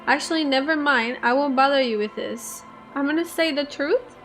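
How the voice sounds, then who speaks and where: A woman with a high-pitched voice plays through a video game and comments casually as she goes. She reads the choices out and thinks aloud over faint music. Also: normal speed, fairly bright tone.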